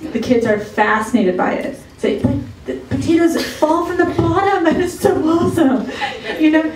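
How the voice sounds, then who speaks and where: A woman's voice: high-pitched, moderate pace, slight background noise. Rambling woman moderator, echoey hall. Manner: rambling, many restarts and fillers. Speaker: event moderator. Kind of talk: introducing speakers at a summit. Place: college event hall. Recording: roomy hall, mic far off.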